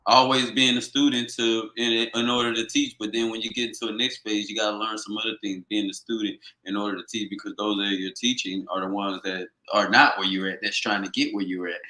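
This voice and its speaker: A man's voice: on the low side, little pitch movement, a little fast, hardly any pauses, bright, forceful tone, reverberant. A man talking as a podcast guest, reflective and thinking aloud with small stammers. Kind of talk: casual podcast chat.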